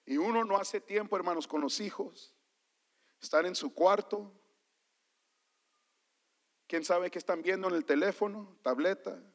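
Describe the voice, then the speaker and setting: A man preaching a sermon as a pastor, switching between Spanish and English and calling out to the congregation, quiet one moment and shouting the next. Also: sits high, a little slow, long pauses. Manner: swings from quiet to loud, shouting at peaks. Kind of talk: bilingual sermon. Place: church.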